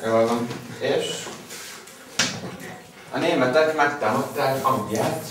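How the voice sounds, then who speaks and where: A man's voice: medium pitch, lightly acted. Very echoey far-off camera sound, young guy doing a scatterbrained bossy hungarian history teacher, abrupt and theatrical, comedy skit. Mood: flustered, exasperated. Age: young adult. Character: eccentric, scatterbrained male history teacher, bossy and easily exasperated. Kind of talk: comic classroom lecture sketch. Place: school classroom, indoors. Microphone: camera mic from a few meters away. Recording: echoey classroom, distant camera mic, noisy.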